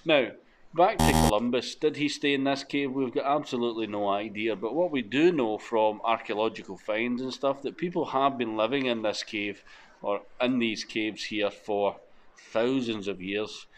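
A man's voice: medium pitch, moderate pace. A man in his forties, chatting and thinking aloud as he explores the countryside and a cave for his vlog. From Scotland. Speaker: motorcycle vlogger. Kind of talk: casual vlog narration. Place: outdoors in countryside and a rock cave.

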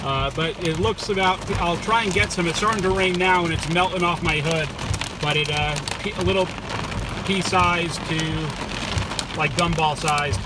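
A man's voice: a little high, moderate pace. A man reporting from inside his car during a hailstorm, speaking up as an amateur radio operator. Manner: speaking up over a loud hailstorm. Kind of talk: in-car storm vlog and radio chat. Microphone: handheld phone in car. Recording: far mic, loud rain and hail noise.

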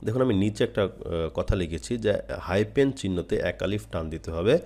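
A man's voice: on the low side, a little mellow. A man from Bangladesh teaching Quran recitation step by step, explaining each phrase plainly. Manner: models phrases with long drawn-out chanting, then explains plainly.

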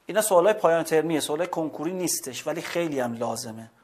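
Male teacher with a high-pitched voice, drills vocabulary, slow on English words. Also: animated, a little mellow, husky. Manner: reads English slowly, explains in Persian. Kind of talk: classroom vocabulary lesson.

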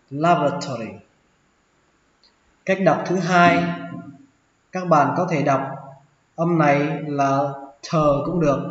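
Slow, patient male teacher, echoey room. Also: fairly high pitch. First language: Vietnamese. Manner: patient, repeats each word several times. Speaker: English teacher. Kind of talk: slow vocabulary lesson with repeated pronunciations. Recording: echoey room with long reverb, dull lo-fi sound.

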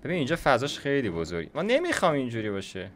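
A man's voice: medium pitch, huge pitch swings, a little hiss or hum. A young man giving casual, slangy gameplay commentary, chatting to himself as he builds. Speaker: gaming YouTuber.

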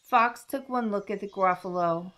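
A woman reading a children's story aloud as a storyteller, gentle and expressive. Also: mid-range voice, moderate pace.

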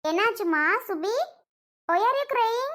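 A young woman in a family skit gently explaining things and comforting younger girls like a big sister. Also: extremely high pitch, animated, drawn-out words. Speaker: college student character, older sister figure.

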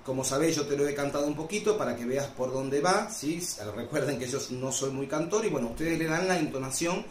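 A man's voice: on the high side, fairly quick, hardly any pauses, roomy sound, a little hiss or hum. A man with an Argentine accent teaching a folk guitar piece in a casual tutorial, patiently checking in with the viewer after each step. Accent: Argentine Spanish.

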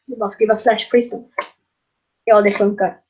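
A woman doing casual gaming commentary, excitable and prone to loud shrieking laughter. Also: mid-range voice, dull audio, faint music behind. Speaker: gaming video creator.

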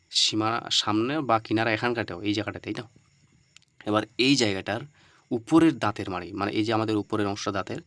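A man teaching Arabic letter pronunciation step by step. He often asks and answers his own questions and repeats the letter sounds loudly. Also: on the low side, no room sound.

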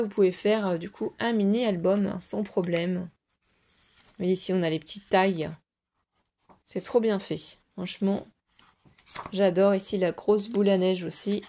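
A warm, medium-pitched woman's voice gushes through a scrapbooking haul, with "trop mignon" coming up over and over. She's a casual vlogger whose voice sounds worn, and she clears her throat now and then.

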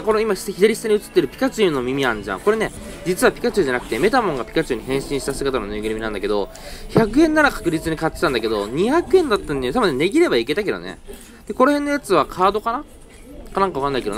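Young man, rapid chatty vlog narration, bouncy up-and-down pitch, rambling, faint music behind. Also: fairly bright tone. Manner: chatty, rambling, self-correcting. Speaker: toy-hunting vlogger. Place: indoor parking garage flea market.

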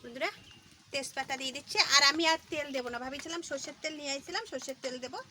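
A woman narrating her home cooking in a casual vlog, talking very fast and hurrying from one step to the next. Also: high-pitched. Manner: talks very fast, rushes through. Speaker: home cook vlogger. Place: home kitchen. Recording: loud frying and background noise.

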